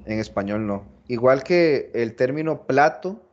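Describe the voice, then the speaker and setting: A man teaching a philology class, explaining slowly, repeating phrases and stressing example words. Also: mid-range voice, animated, a little mellow, lo-fi sound. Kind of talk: recorded class lecture.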